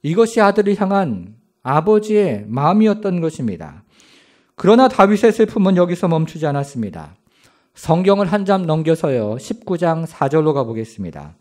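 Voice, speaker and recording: A man preaches a sermon in a dramatic storytelling manner and puts rhetorical questions to his congregation. His voice sits fairly high. His pitch swings widely from phrase to phrase. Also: big pitch swings, normal speed, darkish tone. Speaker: pastor.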